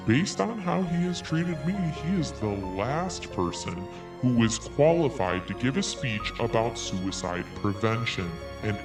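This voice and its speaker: With faint music in the background, a man hosting a podcast mocks an email he's reading, dropping dry, cutting remarks between the lines. His voice is mid-range, and because he sits a little back from the mic, it comes across as distant.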